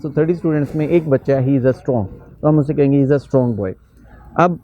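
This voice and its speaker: A man with a slightly high voice teaching an English grammar lesson, working through one example after another. He slows down carefully for each example phrase. The recording sounds muffled and lo-fi. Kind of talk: grammar lecture.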